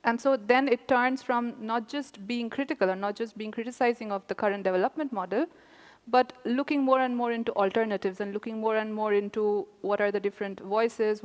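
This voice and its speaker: A woman's voice: mid-range voice, steady tone, a little fast. A woman speaking on a conference panel, explaining with repeated restarts. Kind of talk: academic panel talk. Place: conference hall. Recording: reverberant hall.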